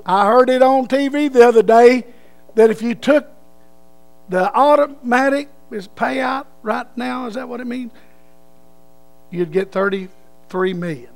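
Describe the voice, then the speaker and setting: Gravelly high-pitched older preacher man. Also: measured pace, pauses often, soft background music. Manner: folksy, swings between loud and hushed. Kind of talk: sermon with storytelling and prayer.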